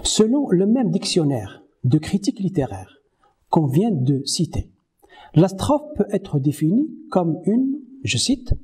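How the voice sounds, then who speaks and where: Slow, husky-voiced French lecturer. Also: male voice, sits high, very animated, mellow. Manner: slow, measured, reads poems aloud and counts syllables. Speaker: university lecturer. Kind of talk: university lecture on French verse. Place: Morocco.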